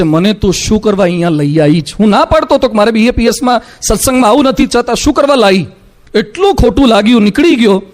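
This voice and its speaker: Man with Gujarati accent, monk, sermon, storytelling, high voice. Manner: storytelling, voices quoted speakers in asides. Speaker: monk preacher. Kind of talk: sermon with told stories.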